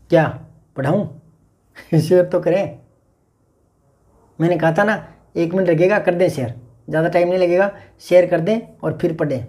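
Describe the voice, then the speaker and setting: A man teaching a grammar lesson in a chatty way, explaining slowly and going over each example again and again. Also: high voice, mellow.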